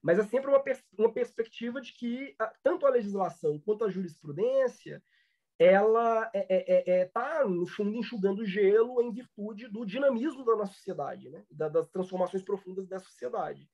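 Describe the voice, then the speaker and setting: A man's voice: high voice, lively intonation, moderate pace, a little mellow, muffled recording. A Brazilian man, a law professor, giving a lecture with many fillers and restarts. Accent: Brazilian Portuguese. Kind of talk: online lecture.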